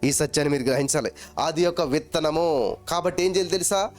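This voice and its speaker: Telugu-accented man preaching, fairly high voice. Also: a little fast, soft background music. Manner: preaching with repeated chanting phrases and swings between loud and low. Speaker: pastor. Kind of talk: sermon.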